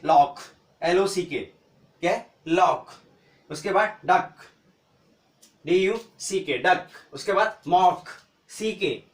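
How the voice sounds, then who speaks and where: A man teaching an English pronunciation lesson, spelling out letters slowly and asking and answering his own questions. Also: high-pitched, distant mic. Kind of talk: classroom-style phonics lesson. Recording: echoey room, voice from off-mic.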